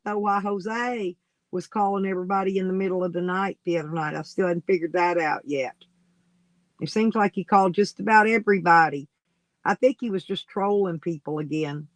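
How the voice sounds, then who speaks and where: A man's voice: high-pitched, moderate pace, no echo, rough recording. A man hosting a casual livestream, rambling and coaxing viewers to come on and chat. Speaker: livestream host.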